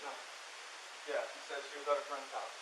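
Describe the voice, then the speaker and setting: Fast, flat-pitched man on echoey bodycam. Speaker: oil and gas operator. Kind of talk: casual answers to police questions on body cam audio. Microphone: police body camera. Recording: hissy body cam, echoey, radio noise.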